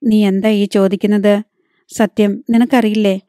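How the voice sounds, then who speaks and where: A woman's voice: mid-range voice, flat delivery, unhurried, warm tone, dry recording, studio quality, natural voice. A woman voicing a troubled young husband who presses his wife with hurt questions, in an audiobook reading. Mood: hurt, pressing.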